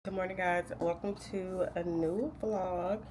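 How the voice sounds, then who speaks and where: Over loud music, a young woman speaks at a measured pace, her fairly low voice keeping an even intonation. A vlogger and grad student with a nasal sound from a cold, she rambles chattily with lots of fillers as she gets ready to study in her casual day-in-the-life vlog.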